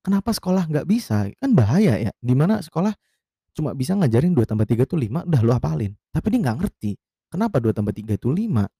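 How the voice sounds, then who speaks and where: Animated man ranting in casual slang. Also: fast talker, breathy edge, no echo, studio quality. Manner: animated, acts out quotes with raised pitch, exasperated. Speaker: vlogger telling a story. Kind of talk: casual storytelling rant.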